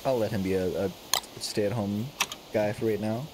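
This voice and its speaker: A man streaming a survival game late at night, commenting to himself in a jokey, excitable way. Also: fairly low pitch, normal speed, heavy background noise. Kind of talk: casual gameplay commentary. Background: loud game music.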